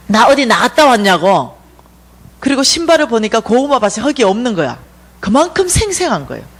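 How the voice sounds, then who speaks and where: A woman from South Korea giving a testimony as a guest speaker at a church revival, telling her story in an animated way and acting out the dialogue. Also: mid-range voice. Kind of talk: sermon testimony.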